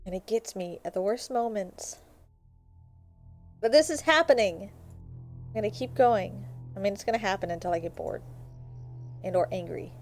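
A young woman streaming a horror game, swearing, laughing and yelling at the game. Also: medium pitch, moderate pace, pauses often, faint music behind. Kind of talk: horror game playthrough commentary.

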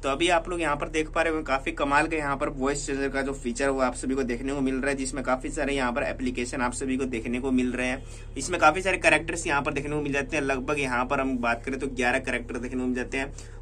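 A tech vlogger with an Indian accent narrates a casual hands-on tutorial showing a phone feature, repeating his explanations and mixing in English words. His voice is mid-range with a fairly bright tone, and there's a little hiss or hum.

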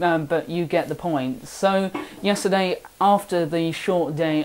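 Chatty seventeen-year-old southern English lad. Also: male voice, a little high, clean tone. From south of England. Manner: chatty, rambling, self-deprecating. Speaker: woodworking vlogger. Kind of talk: casual vlog voice-over. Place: home workshop.

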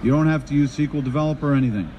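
A man's voice: fairly high pitch, rapid-fire, warm tone, highs cut off. A middle-aged man giving a live tech talk on a trade show floor into a handheld mic, upbeat and quizzing the audience. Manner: upbeat, addresses the crowd with questions. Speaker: conference presenter. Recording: faint show-floor noise.

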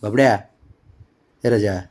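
A man's voice: lowish voice, slow, a little mellow. A man coaxing his pet cat in doting baby talk at home late at night. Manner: coaxing, doting sing-song. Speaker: pet owner.

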